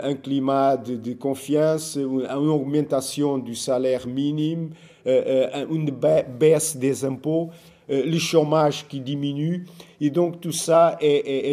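Male speaker for an informal talk: foreign, Portuguese accent in French, slow and halting, soft-edged mellow tone. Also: medium pitch. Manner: foreign accent in French, halting delivery with searching for words and repeats. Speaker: speaker giving a political overview.

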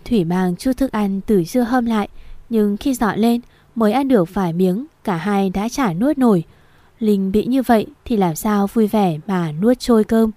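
Mellow woman reading an audio novel. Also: mid-range voice, normal speed, no room sound. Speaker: narrator. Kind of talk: audiobook narration of a romance novel.

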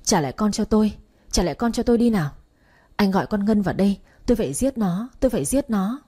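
A woman's voice: medium pitch, animated, brisk, dark tone, natural voice. A woman voicing a young pregnant woman who sobs and screams accusations after losing her baby. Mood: hysterical.

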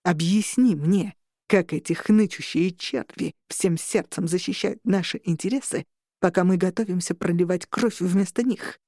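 Woman doing a growling vampire lord, furious, lower voice, slow heavy shouting, dry close sound. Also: no room sound.

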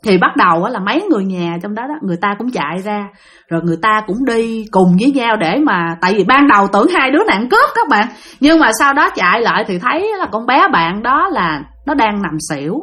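A woman's voice: medium pitch, big pitch swings, fast talker, sharp tone. A woman telling a ghost story in a casual, chatty way, addressing listeners directly.

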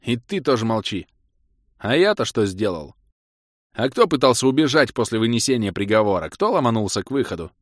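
A man doing a gruff, grumbling prisoner. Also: medium pitch, big pitch swings, a little fast, dry recording, studio quality, voice pushed up. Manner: hissing, growling, reproachful.

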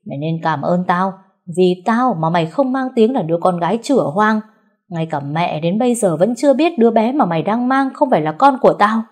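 A woman voicing a jealous young husband who shouts harsh accusations. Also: fairly low pitch, expressive, moderate pace. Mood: angry.

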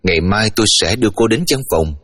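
A cheerful, chatty local woman who welcomes a stranger, as a husky-voiced male reader puts her on. The voice is fairly low and echoes in a long reverb over faint music. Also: expressive, quick pace. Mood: friendly. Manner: warm and chatty.

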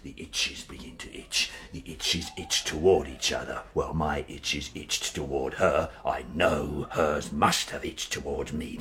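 An actor playing a brooding, jealous villainous baron who swings between imperious outbursts and hushed whispers. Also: male voice, extremely low pitch, exaggerated voice.

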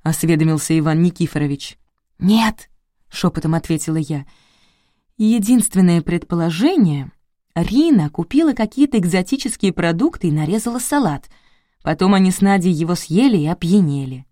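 A woman narrating a first-person audiobook in a lively, ironic storytelling manner. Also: fairly low pitch, brisk, no room sound, clean studio sound.

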